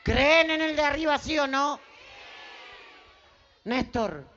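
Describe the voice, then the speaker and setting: A man's voice: extremely high pitch, slow pace, pushed and bright, lo-fi sound, some chatter behind, slight background noise. A man with an Argentine accent doing crude, teasing stand-up on an outdoor festival stage, laughing at his own jokes. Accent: Argentine Spanish. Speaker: stand-up comedian. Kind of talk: live stand-up joke telling.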